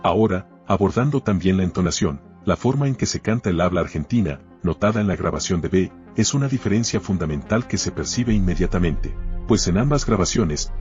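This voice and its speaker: A man narrating a scripted rebuttal in a measured, lecturing and combative way. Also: sits low, darkish tone. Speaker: commentator narrating a rebuttal video. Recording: dull lo-fi audio with faint music.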